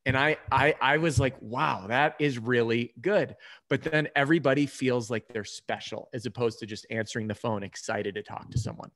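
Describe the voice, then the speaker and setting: A man hosts an interview with an enthusiastic, chatty delivery, full of quick asides. His voice sits at an ordinary middle pitch for a man. The sound suggests a video call. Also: level tone, a bit bright. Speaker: host. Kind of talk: interview host.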